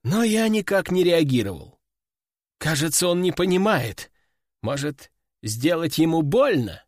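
A man giving an expressive, sardonic audiobook narration. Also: on the high side, a little slow, no echo, studio quality.

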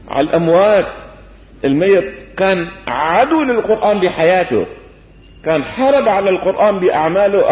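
An older sheikh from Syria, speaking with a Damascene accent, delivers a homely Quran commentary lesson full of rhetorical questions and gentle, teasing humor. His voice is high for a man. The sound is dull and lo-fi, like an old tape, echoing through a long hall.

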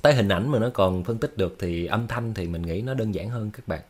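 A man's voice: fairly low pitch, fairly quick, darkish tone. A man hosting a casual livestream, talking to his viewers in an explanatory way, with lots of fillers and repeated words. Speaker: livestream host.

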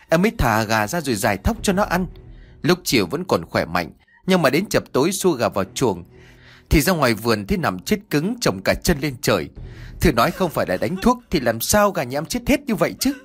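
A man's voice: medium pitch, sing-song, brisk, slightly rough, soft background music. A man voicing a frantic village woman, sobbing and pleading through her tears in an audio story. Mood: tearful.

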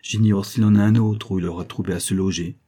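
A man's voice: sits low, fairly even intonation, quick pace, dark tone. A man doing a wry, plain-spoken companion. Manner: casual, wry. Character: plain-spoken American male companion, jokey.

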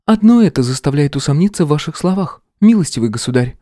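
A man voicing a calm, cold woman teacher in an audiobook. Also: on the high side, fast talker, dry recording, studio quality, pitched above the performer's own voice, lightly acted.

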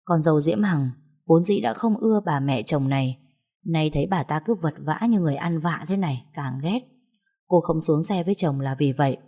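Brief: woman narrator, low and mellow, measured storybook reading. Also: breathy edge.

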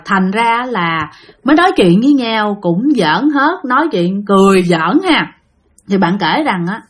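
A woman's voice: on the high side, a bit bright. Chatty woman storyteller. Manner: chatty, addresses listeners directly. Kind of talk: spooky story narration.

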